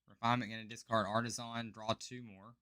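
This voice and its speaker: A man's voice: on the low side, little pitch movement, a little fast, sharp tone, clear, resonant tone, no room sound. A man giving play-by-play commentary on a card game match, explaining each play as it happens.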